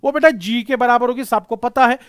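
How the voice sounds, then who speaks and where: A man's voice: extremely high pitch, steady tone, a little fast, a bit bright, clean tone, no echo, clean studio sound. A male physics teacher giving a classroom lecture, explaining patiently, repeating key phrases and using terms.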